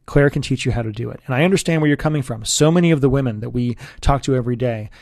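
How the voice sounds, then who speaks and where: A man, a relationship coach, giving an earnest, persuasive sales pitch straight to the listener. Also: racing, gravelly, darkish tone, no echo, studio quality.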